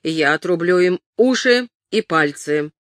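A boastful, violent Gascon swordsman, as the reader puts him on, drawls his threats slowly and with swagger. The tone stays low and menacing in a dry, close recording. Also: animated, a bit bright, no room sound.

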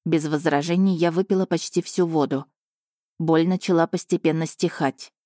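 Low-voiced woman narrating an audiobook. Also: normal speed, no room sound, studio quality. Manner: calm, even first-person storytelling. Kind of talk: audiobook narration of a romance novel.

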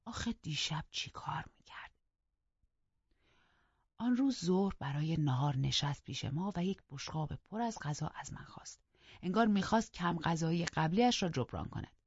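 An audiobook narrator telling a novel in the first person, in a measured storytelling manner that drops to a hush at times. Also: mid-range voice, lively intonation, husky, no room sound. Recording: dull lo-fi audiobook recording.

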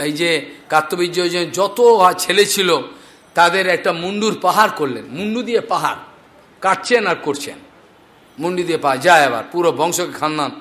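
High, bright-voiced male preacher. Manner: animated, acts out the characters' speech. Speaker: Bhagavata storyteller preacher. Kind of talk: devotional scripture storytelling.

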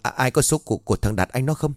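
A man's voice: lively intonation, fast talker, no echo, studio quality, lightly acted. Man voicing a shrieking old village woman. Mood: panicked. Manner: shrill cries, stammering when panicked. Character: frightened village grandmother, sharp-tongued.

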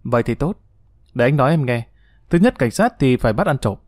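A man's voice: medium pitch, lively intonation, a little fast, darkish tone, dry recording, clean studio sound, natural voice. A man voicing a jovial, assured hero. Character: confident young man, calm leader, jovial.

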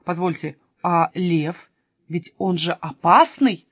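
A woman's voice: lowish voice, slow, slightly rough, no room sound, clean studio sound. A woman doing a formal policeman. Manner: formal, authoritative. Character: official male town policeman. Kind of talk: storybook reading.

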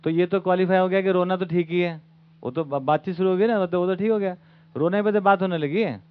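A man's voice: sits high, quick pace. A man giving an informal talk as the teacher of a study camp, often asking his audience rhetorical questions. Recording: phone-like lo-fi recording.

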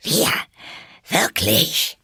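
A man's voice: drawn-out words, pushed and bright, no room sound, studio quality. A man reading aloud and voicing a small, easily offended mouse with a shrieking, angry voice.

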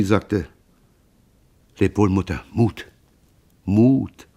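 A man narrating a classic novel as an audiobook, in a measured, unhurried literary manner. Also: low-pitched, darkish tone.

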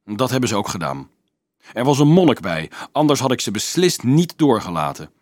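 A man reading an audiobook voices a gruff, suspicious medieval gatekeeper who grumbles warily. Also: medium pitch, sing-song, normal speed, darkish tone, no room sound, clean studio sound. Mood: wary. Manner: grumbling, wary.

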